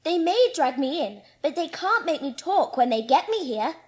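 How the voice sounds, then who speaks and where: A woman's voice: high-pitched, very animated, normal speed, a little mellow. A woman voicing a stiff, headstrong young girl, blunt and emphatic, in a dramatised audiobook. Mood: indignant, defiant. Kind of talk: dramatised audiobook character acting.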